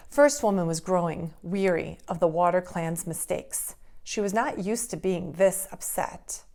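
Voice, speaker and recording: Preschool teacher reading a story to kids, expressive, low and gravelly. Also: female voice. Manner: expressive, slow storytelling pace. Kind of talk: children's story read-aloud.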